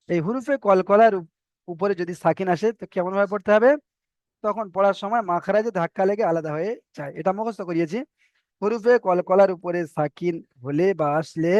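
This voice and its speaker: A man's voice: high voice, darkish tone, no echo. A man teaching a Quran recitation class, repeating letters and rules again and again for students to memorize. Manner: repetitive, drills letters and rules aloud. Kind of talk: online tajweed lesson. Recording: dry, dull lo-fi sound.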